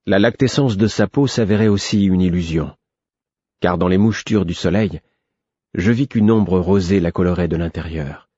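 A man narrating a story in the first person, with measured, literary scripted storytelling. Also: deep voice, mellow, husky, no room sound, muffled recording.

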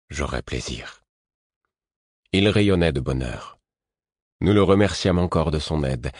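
A man reading a first-person audiobook in a measured, even storytelling manner. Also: low-pitched, no echo, studio quality. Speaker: audiobook narrator. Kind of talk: scripted first-person narration.

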